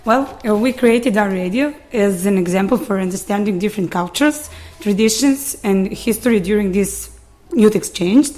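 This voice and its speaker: A young woman with a Serbian accent presents a radio segment in English, her first language being Serbian. She moves steadily through lists of names and topics with a few small hesitations, at a mid-level pitch. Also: normal speed, darkish tone. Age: 20s. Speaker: youth exchange participant presenting a radio piece. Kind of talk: prepared radio introduction.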